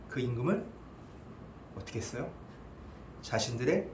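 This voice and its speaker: A male pastor preaching an expository sermon, animated, asking the congregation questions and answering them himself. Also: mid-range voice, a little hiss or hum. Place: church sanctuary. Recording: echoey church hall.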